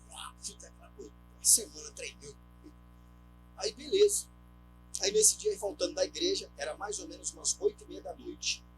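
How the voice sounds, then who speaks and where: A man's voice: sits high, rough recording. A male pastor with a Brazilian accent preaching a sermon, telling a story and asking the congregation rhetorical questions. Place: church. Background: soft guitar music.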